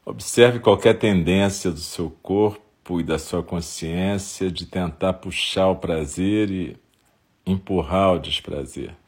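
A man with a Brazilian accent and a husky voice leading a guided meditation in short, unhurried phrases with long pauses. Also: low-pitched, a little mellow.

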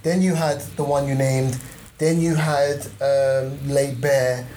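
A man's voice: mid-range voice, level tone, takes it slowly, mellow, slight background noise, rough recording. A man chatting casually on a podcast, slangy and explanatory, reeling off examples. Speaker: podcast panellist.

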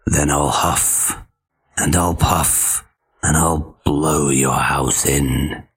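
Man voicing a big bad wolf, growly, very deep, slow, husky, storybook menace. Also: steady tone, a bit bright, full character voice. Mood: menacing. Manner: slow, menacing, then falsely friendly. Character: big bad male wolf, hungry and scheming.

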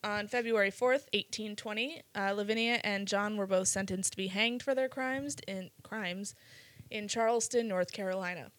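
A woman's voice: medium pitch, moderate pace, a bit bright. A woman hosting a casual chat podcast, telling stories with a giggly, sarcastic, swearing manner. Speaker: podcast host.

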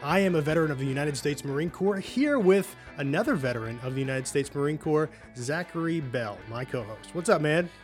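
A man's voice: fairly high pitch, expressive, fairly quick, hardly any pauses, soft background music. A man hosting a radio show, chatting casually with loose joking banter. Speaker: host.

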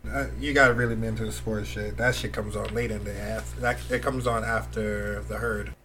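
A man's voice: on the low side, brisk. Brief: young male podcast co-host, loose slangy delivery, tired, faint hum underneath. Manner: slangy, laughs often, animated opinions. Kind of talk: casual chat.

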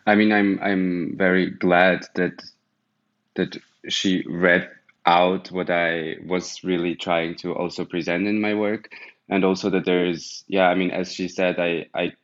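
A man with a very deep, monotone voice talks slowly about his work on a panel, restarting his phrases as he goes. The sound is dull and lo-fi. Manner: slow, deliberate, with repeated restarts. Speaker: artist and panel guest. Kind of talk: panel discussion.

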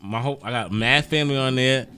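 A man hosting a casual podcast, trading animated, slangy banter with his guest. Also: mid-range voice, fast, slight background noise. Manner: animated banter, slangy with "bruh" and "you feel me". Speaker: podcast host.

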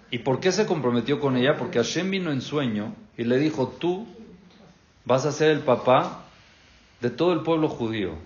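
A man, a rabbi teaching an interactive Torah class, who questions his students and acts out the figures' words. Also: mid-range voice. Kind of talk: interactive religious lesson. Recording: dull lo-fi recording.

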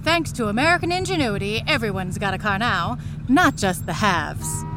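A woman's voice: mid-range voice, animated, moderate pace, over music, natural voice. An actress playing a sassy, cynical woman driver in a period radio drama, wry and sardonic.

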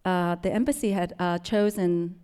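A young woman from Vietnam with a Vietnamese accent, softly telling her personal story to an audience, with many pauses and restarts. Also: lowish voice, fairly even intonation, clean tone, long reverb tail. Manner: soft-spoken, with frequent ums and restarts.

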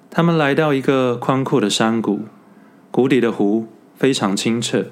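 A man reading a storybook tale aloud, in a slow, even narration. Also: mid-range voice.

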